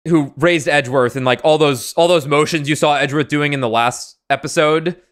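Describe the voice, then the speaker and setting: A man's voice: fairly high pitch, fairly quick, fairly bright tone. A young man hosting a game stream, explaining the story in a rambling, casual way. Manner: rambling, with many fillers and restarts. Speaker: streamer, host.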